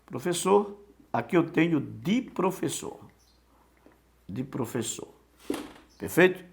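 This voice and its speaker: A man's voice: a little high, animated, slow, vocal fry. A man teaching a Greek lesson, repeating key words and asking himself questions. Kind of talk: online lesson.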